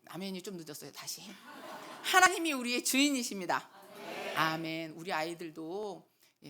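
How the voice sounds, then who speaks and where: Animated, bright-voiced woman preaching. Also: on the low side, a little hiss or hum. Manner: animated, talks with the congregation and acts out quotes. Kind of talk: sermon. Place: church hall.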